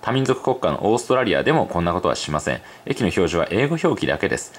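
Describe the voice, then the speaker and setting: Brisk, lively low-voiced man reading. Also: husky. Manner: reads at a brisk clip, then muses aloud with many fillers. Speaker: YouTube commentator. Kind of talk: reading an online article aloud with spoken asides.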